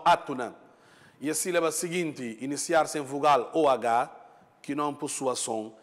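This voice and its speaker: A man's voice: a little high, big-room sound. A male teacher giving a lesson, explaining patiently, repeating points, and checking in with his students. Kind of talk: classroom lesson.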